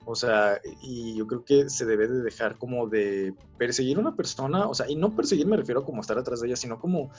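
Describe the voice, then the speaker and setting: Speaking fairly quickly with few pauses, this young man co-hosts a podcast in a mid-range, somewhat mellow voice and a Mexican Spanish accent. His chat is rambling, slangy and full of fillers, over slightly dull audio with faint music.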